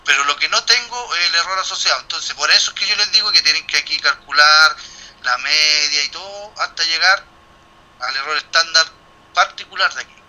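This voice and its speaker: A middle-aged lecturer with a very bright, slightly high voice walks his class through a calculation. He thinks aloud, stumbles and restarts, and throws in questions to the room before he answers them himself. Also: brisk, rough recording. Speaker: university lecturer. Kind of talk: classroom explanation.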